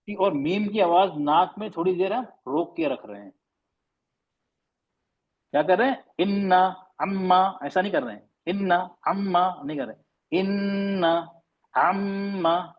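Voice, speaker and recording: A man teaching an online class on recitation, patiently stretching and repeating example sounds. His voice sits a little high and sounds husky. The recording is dull and lo-fi. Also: lively intonation. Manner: explains patiently, demonstrates sounds slowly and repeats them. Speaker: tajweed teacher.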